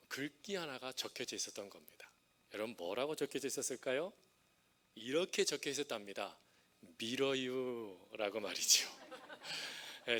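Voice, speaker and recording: Bright-voiced Korean pastor preaching. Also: male voice, mid-range voice. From Chungcheong region, South Korea. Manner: humorous storytelling, asks the congregation questions. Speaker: senior pastor. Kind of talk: sermon.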